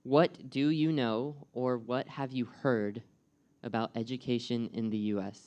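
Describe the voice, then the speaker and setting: This is a young American man, a guest speaker and program coordinator, presenting live and warmly quizzing the audience. He talks at a measured pace in a steady, medium-pitched voice that is clean and slightly mellow.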